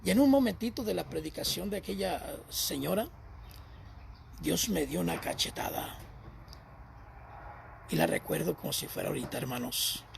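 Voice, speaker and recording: Male lay preacher, high and gravelly, sermon testimony with repeated phrases, faint noise behind.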